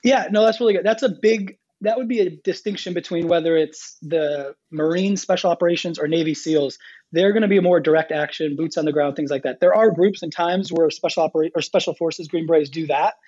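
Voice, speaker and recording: Higher-voiced American man, slightly muffled. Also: brisk, darkish tone, husky, no echo. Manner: informal, anecdotal, quotes dialogue. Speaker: guest, pastor. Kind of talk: conversational interview answers, storytelling.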